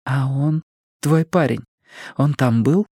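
Audiobook role: male reader as a gentle young woman, lifted pitch, soft and persuading, dry sound. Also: slow pace, slightly rough, dry recording. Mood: quiet. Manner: soft, coaxing.

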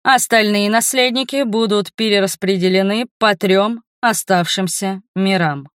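A woman reading the lines of a formal male academy rector in an audiobook, in a measured, official way. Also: mid-range voice, dry recording, clean studio sound, lightly acted. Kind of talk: audiobook narration.

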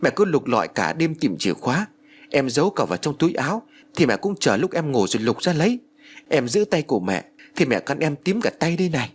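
A man's voice: on the high side, big pitch swings, fairly quick, slightly rough, voice pushed up. A man voicing a frightened young daughter who pleads in a flustered way, in a spoken ghost-story audiobook.

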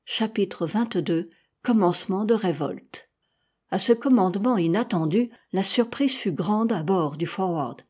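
A woman reading a classic adventure novel aloud in measured, deliberate narration. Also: mid-range voice, darkish tone, slightly rough. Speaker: audiobook reader.

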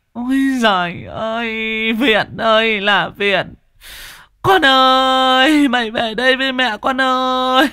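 A man doing a shrill wailing old village mother. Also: bright, forceful tone, clear, resonant tone, no room sound, studio quality, full character voice. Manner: shrill keening lament.

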